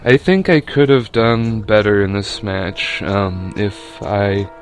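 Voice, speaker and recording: A man's voice: fairly low pitch, slow, soft background music. A young man giving casual, rambling commentary over a video game battle, with lots of fillers and restarts.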